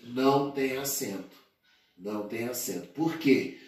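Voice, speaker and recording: Slow, echoey male teacher explaining grammar. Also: medium pitch, a little mellow. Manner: slow, deliberate, spells out word endings, frequent "né?" and "é". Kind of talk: grammar lesson. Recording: very echoey, distant from the mic.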